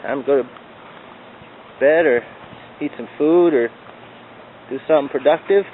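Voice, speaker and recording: A man's voice: fairly high pitch, normal speed. A man in his back yard talking playfully to his dog while filming it on a handheld camera. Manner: playful, coaxing baby talk to a dog. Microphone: handheld video camera. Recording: tinny lo-fi camera audio, faint outdoor noise.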